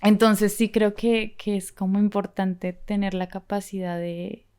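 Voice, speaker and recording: A woman's voice: mid-range voice, little pitch movement, unhurried, darkish tone, clear, resonant tone. A woman in a casual podcast chat, giving agreeing replies and talking earnestly about her faith.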